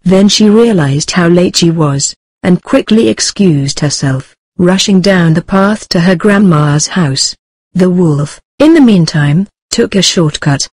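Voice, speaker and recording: A woman narrating a storybook tale in a soft, even reading voice. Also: on the low side, measured pace, slightly rough, dry recording.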